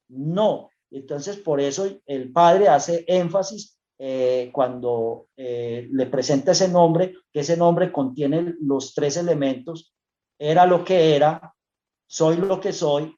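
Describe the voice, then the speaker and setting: A Bible study teacher giving an unscripted lesson to a congregation, talking in a halting way with frequent hesitations and restarts. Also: medium pitch, warm tone. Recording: dull lo-fi recording.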